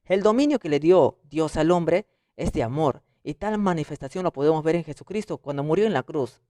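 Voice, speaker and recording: A young man with a fairly high, very lively voice reads out a theology study summary point by point. The sound is close and dry, with no room around it. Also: a little fast, dry recording. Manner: reads from notes, lists points one by one. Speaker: theology student presenter. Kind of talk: read-aloud study summary.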